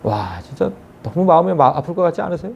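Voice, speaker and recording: Male pastor, sermon delivery, lively pitch swings, somewhat high voice, dull lo-fi sound. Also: fast talker, creaky, a little hiss or hum. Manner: earnest, animated preaching with rhetorical questions to the congregation.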